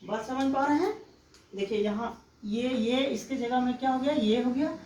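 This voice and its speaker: A woman teacher giving a slow, explanatory exam-prep lecture, often pausing to check that students follow. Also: high voice, a little mellow, a little hiss or hum. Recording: echoey room, mic far off.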